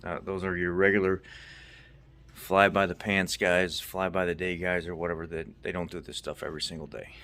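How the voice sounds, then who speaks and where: The speaker, a middle-aged mechanic and car maintenance video host, delivers an unscripted, casual recap and keeps repeating key points. His voice sits low and level but sounds pushed and bright, moving a little fast.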